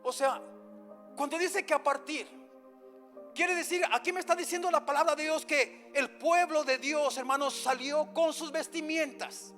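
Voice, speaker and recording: A pastor with a very high voice preaches earnestly in a church, his words ringing with long hall reverb. Faint music plays softly behind him as he keeps turning to the congregation. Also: fairly even intonation, moderate pace. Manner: earnest preaching, often adds "hermanos" and "¿verdad?". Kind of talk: sermon, Bible study.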